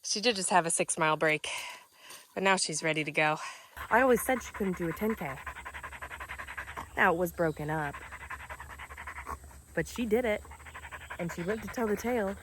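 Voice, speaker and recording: A woman's voice: lowish voice, moderate pace, pauses often, noisy background. A woman from Missouri chatting casually to the camera outdoors on a trail, talking to her dog as she goes. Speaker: vlogger. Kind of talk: casual on-camera vlog chat.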